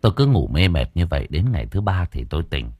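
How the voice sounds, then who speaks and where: Expressive male storyteller with a husky voice. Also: low voice, quick pace, no echo, clean studio sound. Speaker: audiobook narrator. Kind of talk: scripted story narration.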